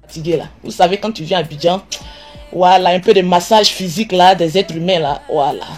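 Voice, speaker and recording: A woman's voice: lowish voice, fairly quick, a little mellow. Woman, beauty vlogger, casual live-stream talk, self-assured, faint background music.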